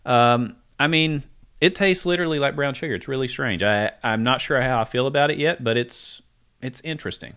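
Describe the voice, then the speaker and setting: Man, podcast co-host, sarcastic teasing, bright crisp voice, desk mic. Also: mid-range voice, fairly quick. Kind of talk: casual chat. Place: studio room with mics, drinking bourbon on ice. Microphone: desk microphone.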